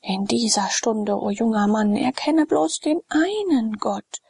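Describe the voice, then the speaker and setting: A woman's voice: a little high, animated, takes it slowly, vocal fry, a little mellow, husky, dry recording, voice pushed up, exaggerated voice. A woman reading the part of a fervent male prisoner who preaches to a younger man.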